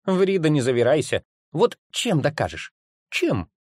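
A man's voice: a little high, wildly swooping pitch, measured pace, darkish tone, no echo, clean studio sound, pitched above the performer's own voice, heavily acted. A man doing a cheeky, scoffing schoolboy friend. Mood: teasing.

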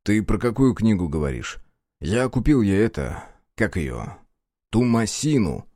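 Man playing a soft-spoken calm ex-husband. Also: on the low side, unhurried, dry recording, studio quality. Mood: cautious. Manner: soft, mild, placating tone. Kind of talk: audiobook character voice.

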